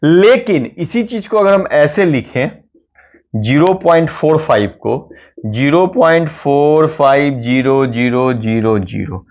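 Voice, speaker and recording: A male math teacher with a fairly high voice that rises and falls a lot as he explains each step and keeps checking that students follow. The recording sounds dull and lo-fi. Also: expressive, a little slow. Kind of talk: exam-prep math lecture.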